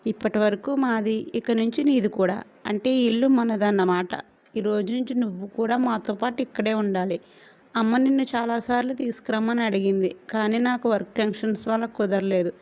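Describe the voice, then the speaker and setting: A woman's voice: a little high, steady tone, moderate pace, darkish tone, natural voice. A teasing young man, as a woman reads him. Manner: joking, teasing. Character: teasing playful young man, cheerful brother.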